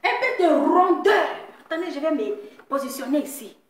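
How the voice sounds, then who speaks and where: A woman mocks and teases in a casual rant, laughing between her jabs and repeating herself. Her voice sits high and swoops up and down with lively energy. The room around her rings with a noticeable echo. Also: moderate pace. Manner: teasing, repetitive, laughing as she talks. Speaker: social media commentator. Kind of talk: mocking casual rant to viewers.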